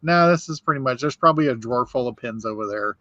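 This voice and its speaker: A man's voice: medium pitch, lively intonation, fast talker, pushed and bright, no echo, lo-fi sound. A man in his fifties telling rambling workplace stories in a casual chat, often restarting his sentences. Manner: rambling storyteller, restarts and laughs. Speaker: whiskey podcast host.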